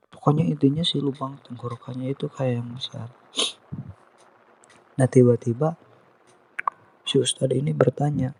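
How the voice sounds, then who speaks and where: A man from West Java, telling his own horror story in an unhurried, hesitant way with many pauses. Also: mid-range voice, a little mellow. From West Java, Indonesia. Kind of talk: first-person horror story narration.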